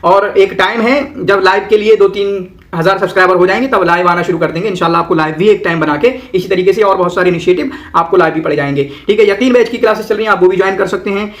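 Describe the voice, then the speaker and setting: A man's voice: high voice, quick pace, hardly any pauses, fairly bright tone, roomy sound. A man teaching a lesson, reading Arabic lines and then explaining them in a conversational way with everyday examples, often adding "है ना". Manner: repeats "है ना" often. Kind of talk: lecture explaining Arabic literary terms.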